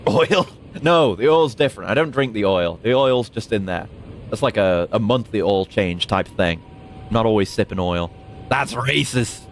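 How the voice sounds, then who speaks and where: A man's voice: fairly low pitch, lively intonation, moderate pace, slight background noise. A young man casually commentating a game stream with joking, sarcastic asides.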